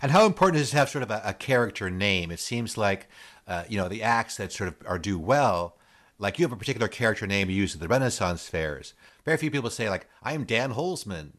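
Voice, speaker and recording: A man's voice: fairly low pitch, animated, fast, a bit bright. Rambling man asking interview questions.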